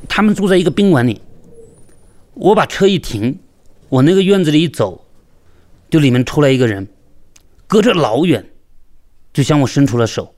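A man from Yunnan, a local merchant, telling his own story in a lively, chatty way and acting out the dialogue. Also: on the high side. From Yunnan, China. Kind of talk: storytelling interview.

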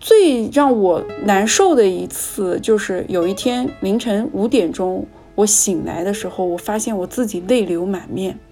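A woman's voice: medium pitch, animated, measured pace, hardly any pauses, mellow, soft background music. A woman telling her own personal story in a reflective, candid and emotional way.

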